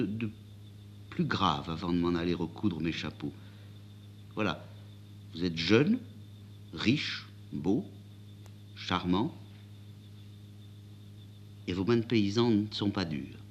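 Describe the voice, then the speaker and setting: A man voicing a young milliner woman, spirited and proud, with his voice raised high. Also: lo-fi sound, a little hiss or hum. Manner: pitched up high, lively and indignant.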